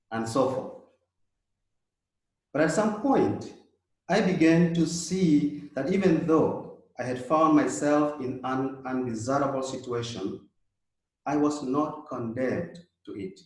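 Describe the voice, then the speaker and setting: A man in his thirties from South Sudan, giving a measured, reflective prepared talk as a guest speaker. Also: mid-range voice, darkish tone. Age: 30s. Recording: very echoey room.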